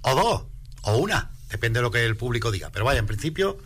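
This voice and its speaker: Animated man, a singer interviewed on radio. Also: mid-range voice, quick pace, slightly rough. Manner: animated, emphatic storytelling. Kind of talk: casual interview chat.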